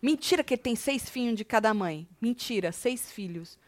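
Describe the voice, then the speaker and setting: A woman's voice: a little high, lively intonation, fairly quick, no echo. A woman co-hosting a celebrity gossip show, chatty and teasing, reading out viewer comments.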